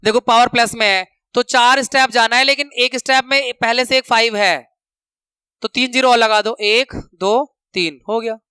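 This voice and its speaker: A man teaching a maths lesson, counting steps out loud and repeating the rules for students to remember, speaking terms. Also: extremely high pitch, fairly even intonation, normal speed, smooth, no echo. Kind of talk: classroom lesson explanation.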